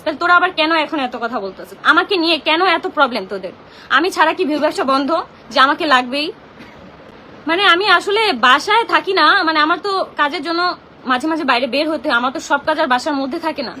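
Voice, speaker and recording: A young Bangladeshi woman talks in a very high voice on her phone during a live stream, her tone bright and piercing. She complains in an agitated, confrontational way. A faint noise runs behind her. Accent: Bangladeshi Bengali. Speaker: social media livestreamer. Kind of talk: emotional live-stream rant.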